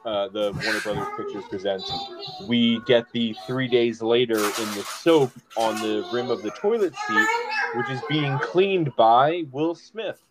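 A man's voice: mid-range voice, a little slow, low-quality recording. A man co-hosting a casual podcast about a movie, rambling with lots of ums and restarts. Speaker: podcast co-host. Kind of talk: casual movie-discussion chat.

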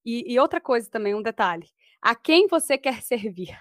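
A woman's voice: on the high side, lively intonation, moderate pace, dry recording, studio quality. A woman hosting a podcast, speaking in an affirming, heartfelt way. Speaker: podcast host. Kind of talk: podcast talk.

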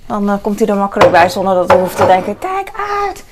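Chatty rambling woman, kitchen vlog, clinking dishes and cutlery behind, mid pitch. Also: flat delivery, rapid-fire, heavy background noise. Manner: chatty, rambling with many fillers. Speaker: vlogger. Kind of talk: casual vlog chat. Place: home kitchen. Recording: clattering dishes nearby.

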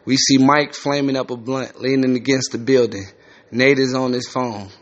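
A man's voice: medium pitch, steady tone, normal speed, highs cut off. A man reading a screenplay aloud, including its stage directions. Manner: plain, reads stage directions.

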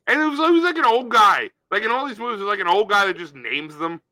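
A man's voice: sits high, expressive, quick pace, bright, forceful tone, no room sound. A man co-hosting a podcast, riffing in casual comedic banter and slipping into silly put-on voices. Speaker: podcast co-host.

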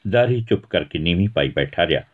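A man's voice: low voice, expressive, brisk. A man reading a village story aloud, narrating and acting out the quarrels between the characters. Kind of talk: storytelling narration with acted dialogue. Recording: tinny phone-like audio.

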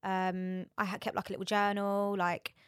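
Woman just chatting as a guest, normal pitch, really dry sound. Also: monotone, normal speed, clean tone, no room sound. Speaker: interview guest. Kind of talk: casual chat.

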